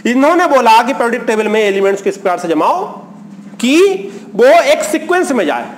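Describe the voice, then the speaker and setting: A man's voice: extremely high pitch, big pitch swings, a little fast, a little hiss or hum. A man teaching a chemistry class in a colloquial lecture, asking rhetorical questions, answering them himself, and counting aloud for emphasis.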